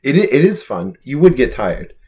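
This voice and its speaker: A man's voice: mid-range voice, very animated, normal speed, warm tone. A young man co-hosting a casual podcast chat, emphatic and fond of saying "dude.". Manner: emphatic, says "dude" often. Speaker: podcast co-host.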